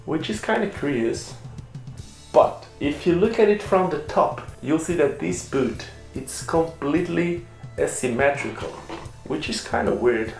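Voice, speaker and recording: A man's voice: medium pitch, creaky. A man who speaks Portuguese as his first language, giving a chatty, enthusiastic review while unboxing skates and correcting himself along the way. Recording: echoey room with faint music.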